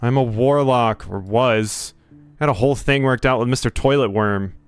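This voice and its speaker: A man's voice: mid-range voice, moderate pace, smooth, no room sound, lightly acted. A man voicing a snarky, foul-mouthed teenage girl assassin who sneers and swears. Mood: defiant.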